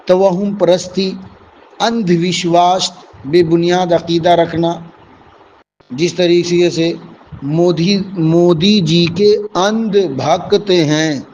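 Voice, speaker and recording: On a low-quality recording with a little hiss or hum, a man with a high, slightly mellow voice teaches vocabulary. He explains English words one at a time, gives their Urdu and Hindi meanings, and addresses his listeners as dear students.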